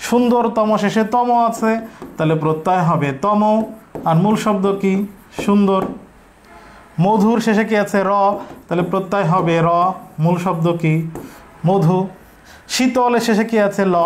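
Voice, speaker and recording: A man's voice: sits high, measured pace, long pauses, slight background noise. A male teacher with a Bangladeshi accent giving an online grammar lesson, asking questions and answering them himself, repeating key points. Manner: repetitive, drilling.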